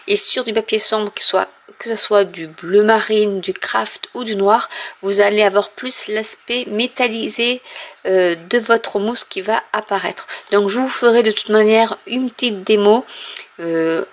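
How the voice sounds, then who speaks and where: A woman with a gravelly, creaky edge to her mid-pitched voice talks through her new craft supplies. She explains at an easygoing pace, filling pauses with hesitant sounds, like a home vlogger sharing a parcel haul. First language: French. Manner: chatty, explanatory, many fillers. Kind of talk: casual product haul.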